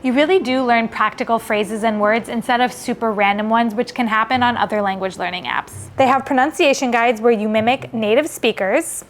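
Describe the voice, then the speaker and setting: A woman's voice: fairly high pitch, brisk, hardly any pauses, faint music behind. A woman hosting a casual cooking vlog, chatty and upbeat, thinking aloud as she cooks. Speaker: cooking video host.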